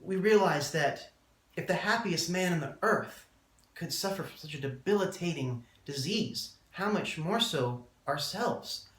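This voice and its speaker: A man delivering a prepared eulogy as a speech, solemn and measured, with deliberate pauses. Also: a little high, lively intonation, a bit bright. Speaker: student speaker giving a eulogy. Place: indoor room, public speaking class. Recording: roomy, echoing room sound.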